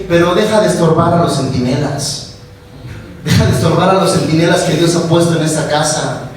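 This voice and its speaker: A man preaching a sermon as pastor, mocking whiny voices and building to shouted exhortation. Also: high-pitched, distant mic, slight background noise. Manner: mimics whiny voices of church members. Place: church sanctuary. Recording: echoey church sanctuary from afar.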